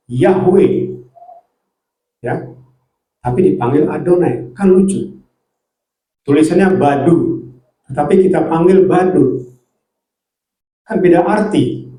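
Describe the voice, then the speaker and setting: A man with a somewhat high voice preaches a sermon, explaining his points earnestly and dotting them with quick filler tags. The sound is roomy, with noticeable echo around him. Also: warm tone.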